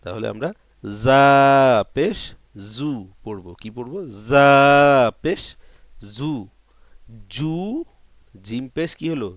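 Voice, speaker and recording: Male reciting teacher, unhurried, repeats each syllable and stretches it out, plain mid voice, close and dry. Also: medium pitch, no echo. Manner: drills syllables one by one, repeating and drawing them out; asks questions and answers them himself. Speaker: Quran reading teacher. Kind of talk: patient step-by-step pronunciation lesson.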